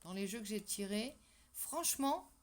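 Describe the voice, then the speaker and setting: A woman's voice: medium pitch, animated, normal speed, a little hiss or hum. A woman doing a casual tarot reading for her viewers, chatty and hesitant with many fillers and restarts. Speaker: tarot reader. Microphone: microphone that keeps falling.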